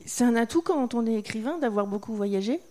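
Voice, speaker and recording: Female host, mellow tone, higher pitch, friendly questions. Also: lively intonation, brisk. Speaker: interviewer host. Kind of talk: festival interview.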